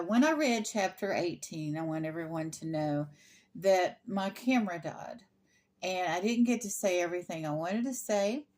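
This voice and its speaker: Middle-aged woman doing a bible study on her channel, slow and frank, reads the verses then talks them through. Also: on the low side, darkish tone. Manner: unhurried, frank, pauses and restarts while reading aloud. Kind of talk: informal Bible teaching with scripture reading.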